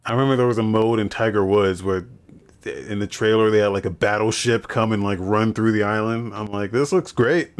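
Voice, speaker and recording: A man with a fairly low voice riffs on games as a podcast co-host. He rambles loosely and swears casually. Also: little pitch movement, brisk, clear, resonant tone. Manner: laid-back, rambling, swears, laughs along. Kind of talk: casual gaming chat.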